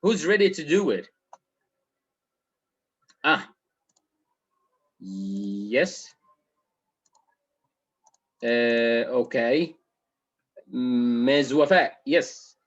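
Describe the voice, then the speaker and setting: An Egyptian man runs an English speaking lesson in a patient, explaining voice. His pitch sits in the middle range, and the audio is a bit dull and lo-fi. He keeps checking that his listeners follow him. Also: animated, extremely slow, pauses often. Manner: explains with repeated okay checks. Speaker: English teacher.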